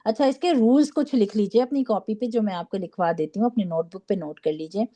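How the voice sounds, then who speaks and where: A woman teaching a Quran recitation class, patiently drilling syllables slowly and checking in with her students. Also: medium pitch, mellow. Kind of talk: online class lesson.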